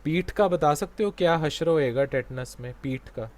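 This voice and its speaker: A man's voice: fairly high pitch, moderate pace, darkish tone. A man teaching an online exam-prep class with an Indian English accent, mixing Hindi and English and quizzing his students. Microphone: video call.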